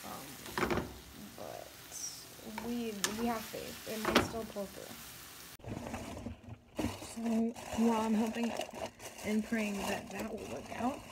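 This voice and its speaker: A woman's voice: fairly high pitch, lively intonation, takes it slowly, long pauses. A young woman chatting playfully as she cooks, rambling into silly asides about her food. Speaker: cooking vlogger. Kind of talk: casual cooking chat. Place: home kitchen. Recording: noisy kitchen with sizzling pan.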